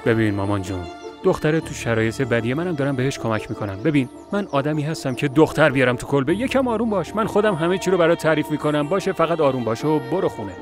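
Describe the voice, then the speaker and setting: A man's voice: on the high side, lively intonation, lightly acted. An actor dubbing a young man who defends a woman to his mother in a firm, exasperated way. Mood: pleading. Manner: firm, exasperated, then pleading. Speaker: son. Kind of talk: Persian dub of a TV drama. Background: music score.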